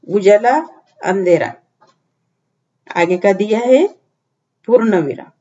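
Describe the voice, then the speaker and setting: A woman teacher reading out and explaining a children's grammar lesson, repeating each definition slowly for young pupils. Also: mid-range voice, mellow. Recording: slightly dull lo-fi audio.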